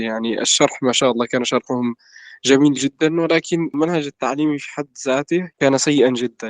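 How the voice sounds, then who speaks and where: A young man from Egypt, a language student in an interview, explaining at a measured pace with lots of filler words. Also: medium pitch, no room sound. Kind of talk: casual conversation in formal Arabic.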